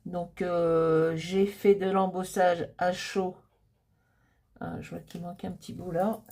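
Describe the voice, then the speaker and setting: A middle-aged woman chatting casually as she walks through a crafting project. Her voice is soft and mellow, and she takes her time, with relaxed pauses and frequent fillers between thoughts. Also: on the low side, gravelly. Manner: chatty, hesitant, many fillers.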